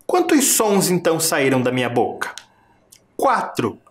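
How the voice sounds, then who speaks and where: A primary school teacher gives a televised lesson to fourth graders. The teacher speaks slowly, stretches out syllables to demonstrate their sounds, and keeps asking the viewers rhetorical questions. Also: mid-range voice, sing-song.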